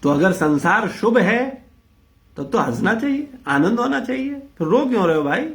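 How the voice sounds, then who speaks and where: A man's voice: high-pitched, very animated, normal speed. A man leading an interactive spiritual discourse, blunt and rhetorical, questioning his listeners. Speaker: spiritual teacher leading a class.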